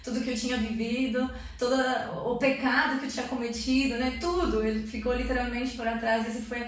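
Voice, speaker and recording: Speaking fairly quickly in a slightly high voice, a woman shares a heartfelt church testimony as an interview guest. She's earnest and animated, often using tag questions, and the recording comes from a distant mic in an echoey room.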